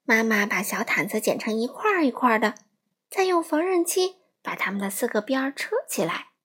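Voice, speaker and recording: A woman reading a picture book aloud to young children in a lively, coaxing storytelling manner. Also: a little high, brisk, breathy edge.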